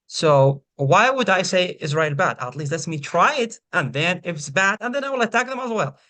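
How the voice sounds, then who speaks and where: A man from Iraq with an Iraqi accent, speaking as a panelist in an earnest, persuasive way with frequent halting restarts. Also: high voice, lively intonation, sharp tone. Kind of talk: panel discussion.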